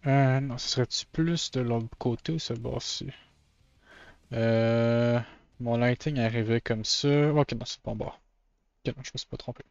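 A man's voice: medium pitch, steady tone, unhurried, smooth, no echo, muffled recording. A man with a Québécois French accent chatting casually on a live stream while drawing, often stammering and restarting, with English words mixed in.

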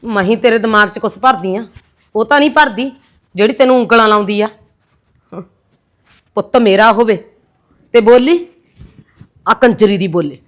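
A woman's voice: fairly high pitch, moderate pace, pauses often, natural voice. A middle-aged woman playing a resentful mother-in-law in a short film drama, scolding and sarcastic.

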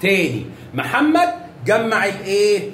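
Egyptian male primary teacher, fairly high voice, coaxing and full of praise, echoey classroom with faint noise. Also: wildly swooping pitch, unhurried, fairly bright tone. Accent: Egyptian Arabic. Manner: coaxing, showers children with praise and pet names. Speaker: primary school math teacher. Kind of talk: classroom teaching with young children.

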